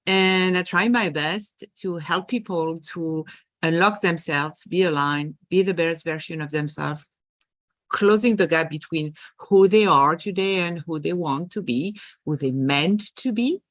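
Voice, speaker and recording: A middle-aged Frenchwoman with a French accent appears as a podcast guest, discussing her work as a leadership coach. Her voice sits fairly low and moves a little slowly, captured in a dry recording. She comes across as thoughtful, her speech full of fillers and small restarts.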